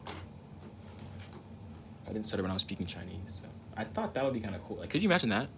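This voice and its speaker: This young painter streams live, chatting in a fairly low, gravelly voice that's very animated and quick. He stutters, rambles reflectively, repeats words and restarts sentences, with noticeable ambient noise behind him.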